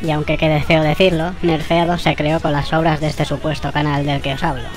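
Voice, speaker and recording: A channel host with a Spain Spanish accent, voice sped up like a tape on fast forward, giving a sarcastic, swear-laden anniversary monologue. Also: medium pitch, flat delivery, soft background music. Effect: sped-up squirrel voice, like a tape on fast forward.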